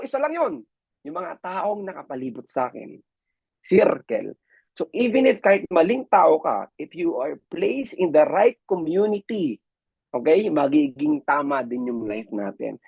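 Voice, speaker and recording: A man from the Philippines, a business mentor giving a lively motivational seminar talk and often addressing his audience as ma'am and sir. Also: high-pitched, normal speed, vocal fry, breathy edge, no room sound. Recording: dull lo-fi, dry sound.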